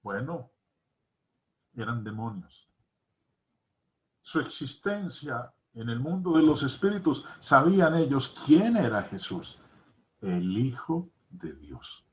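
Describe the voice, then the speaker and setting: A man's voice: mid-range voice, very animated, slow pace, long pauses. A man teaching a Bible study lesson, reading scripture aloud and stressing key points by repeating them. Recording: dull lo-fi recording.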